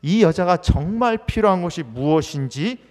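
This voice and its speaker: A man's voice: high-pitched, animated, moderate pace, a little mellow. A male pastor preaching a sermon in a conversational way, asking the congregation many questions. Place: church sanctuary. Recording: long hall reverb.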